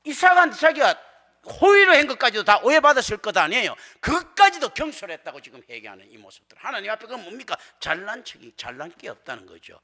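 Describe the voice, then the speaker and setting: A pastor preaching a sermon in a church, animated and acting out the voices he quotes. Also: very high-pitched, fast talker. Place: church sanctuary.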